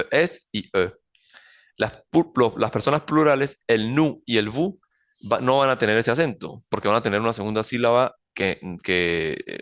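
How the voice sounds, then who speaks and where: Low-voiced man teaching French slowly. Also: fairly bright tone. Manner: patient, repeats words slowly to model pronunciation. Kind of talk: recorded classroom lesson.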